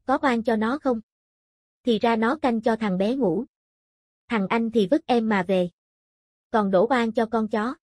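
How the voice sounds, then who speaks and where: Calm old village hunter in a storybook, steady, gently joking, fairly high voice, dry sound, read by a woman. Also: measured pace, long pauses, dry recording. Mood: wry.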